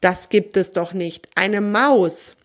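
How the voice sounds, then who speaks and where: A woman's voice: mid-range voice, slow, lightly acted. A woman voicing a small grey male creature who is timid but brave and asks eager, wide-eyed questions. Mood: astonished.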